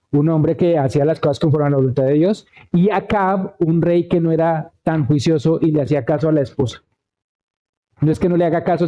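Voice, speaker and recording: A man's voice: fairly high pitch, dark tone. A man preaching a conversational sermon, telling a Bible story and checking in with the congregation. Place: church.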